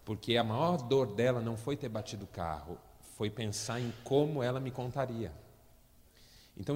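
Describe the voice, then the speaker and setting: Brazilian man telling stories in a hall. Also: mid-range voice. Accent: Brazilian Portuguese. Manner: lively storyteller with joking asides. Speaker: motivational speaker. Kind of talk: storytelling talk to an audience.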